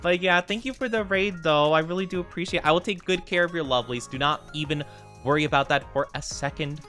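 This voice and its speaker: A man's voice: a little high, fast, pushed and bright. A man chatting casually as a live VTuber game streamer, with a cute, upbeat anime-streamer delivery, often repeating his phrases. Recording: music under the voice. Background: music.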